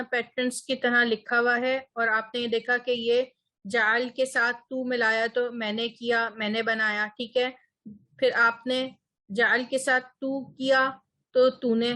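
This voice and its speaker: A woman's voice: on the high side, bright, forceful tone. A woman teaching an online Arabic grammar lesson, patient and encouraging, often checking that students follow.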